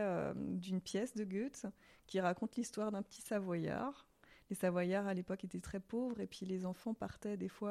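A woman from Alsace talks as an interview guest. Her delivery is chatty and relaxed, and she strings her stories together in an easy conversational flow. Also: medium pitch. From Alsace, France. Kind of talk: casual interview chat.

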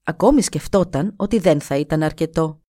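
A woman narrating a folk tale in a scripted, animated way. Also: sits low, no room sound, studio quality. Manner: animated, shifts into voices. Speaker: storyteller.

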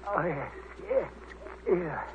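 Slow, high-voiced, weak dying man. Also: expressive. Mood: weak, bitter. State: weak, gasping, fading. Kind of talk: old-time radio drama acting. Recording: noisy, tinny old radio recording.

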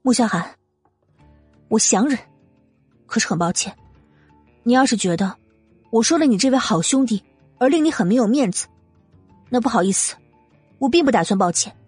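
A man voicing an indignant, proud young wife in an audiobook, firing off rapid, heated retorts. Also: extremely high pitch, animated, slightly rough, dry recording, pitched above the performer's own voice, exaggerated voice. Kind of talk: audiobook character voice. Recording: dry close mic with faint music.

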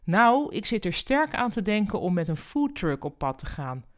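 A woman's voice: medium pitch, big pitch swings, moderate pace, lightly acted. A woman reading the part of a cheerful, impulsive male guinea pig in an upbeat, eager manner.

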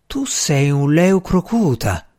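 A man voicing a mad, unkempt male magician who speaks in a slow, hushed, menacing whisper. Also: on the high side, very animated.

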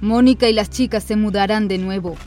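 A woman voicing a stern middle-aged father in an animated story voice-over, speaking in a firm, clipped way. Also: mid-range voice, fairly quick, faint music behind, natural voice. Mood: cold.

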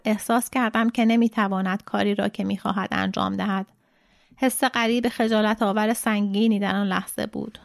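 Calm woman narrating a novel. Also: medium pitch, gravelly, no room sound, clean studio sound. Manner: calm, measured reading. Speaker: translator and reader. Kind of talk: literary audiobook narration.

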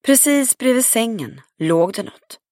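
A woman narrating a first-person audiobook in a calm, even storytelling read. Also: on the high side, no echo, studio quality.

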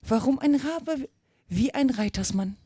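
A woman's voice: high voice, lively intonation, a little slow, warm tone, breathy edge, no room sound, pitched above the performer's own voice, full character voice. A woman voicing a quarrelsome, riddling male hatter, scornful and lecturing, in a read-aloud storybook with a dry sound.

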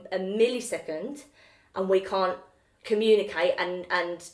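A woman's voice: medium pitch, normal speed. A young woman co-hosting a podcast, telling stories with lots of swearing and acted-out quotes. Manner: animated storyteller, acts out quotes, swears freely. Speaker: podcast co-host. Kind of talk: casual chat. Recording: roomy echo.

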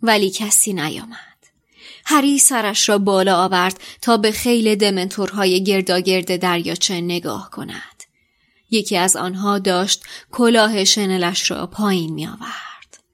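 Woman, podcast reader, dramatic novel reading, hushed storytelling tone, medium pitch.

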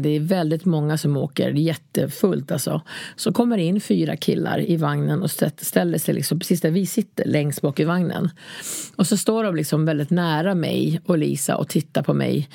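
A middle-aged woman from Hälsingland, a former bodyguard, calmly and frankly telling her story as an interview guest in a studio. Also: sits low, gravelly, no room sound. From Sweden, Hälsingland. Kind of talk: casual interview chat.

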